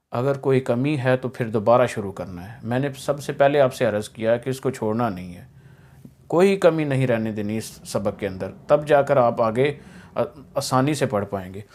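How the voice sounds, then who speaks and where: A man with a Pakistani Urdu accent, a Quran teacher giving an instructional lesson for teachers, patiently explaining and drawing out letter sounds slowly. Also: medium pitch, a little mellow.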